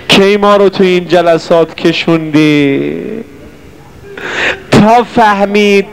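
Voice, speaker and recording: Older man, preacher, storytelling sermon, fervent, fairly high voice, impassioned. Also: rough recording. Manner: fervent, rising to impassioned exhortation. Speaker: cleric.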